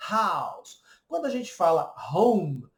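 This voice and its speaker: A man's voice: sits high, sing-song, slow, reverberant. A Brazilian man with a Brazilian Portuguese accent teaching English pronunciation, explaining patiently and often checking in with the listener. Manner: explains patiently with frequent "né?" and "ok?" tags. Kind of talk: pronunciation lesson.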